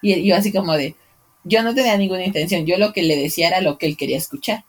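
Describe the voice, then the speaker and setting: A woman with a Mexican accent, co-hosting a podcast and telling a story in a casual, animated way, laughing and voicing the people in it. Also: on the low side, fast talker. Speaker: podcast co-host.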